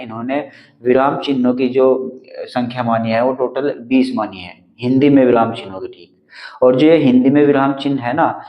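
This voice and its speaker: A man's voice: mid-range voice, lo-fi sound. A man teaching an exam-prep grammar lesson and explaining step by step while pointing at written notes.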